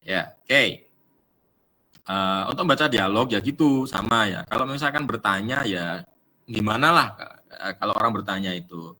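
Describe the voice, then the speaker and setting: A man's voice: on the low side, lively intonation, normal speed, bright, forceful tone. A man with an Indonesian accent teaching an English class, mixing English words into his explanations with many fillers. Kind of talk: online class lesson.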